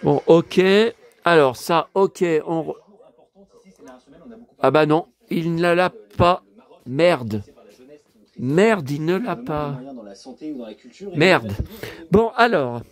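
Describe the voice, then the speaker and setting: A hoarse man in a casual vlog, talking to his viewers and muttering exclamations to himself as he browses through his purchases. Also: on the high side, animated, very slow, long pauses. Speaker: vlogger showing his purchases.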